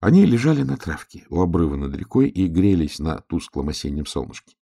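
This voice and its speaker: A man narrating a children's storybook in an expressive, varied delivery. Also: sits low, brisk, gravelly, slightly rough. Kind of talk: storybook reading.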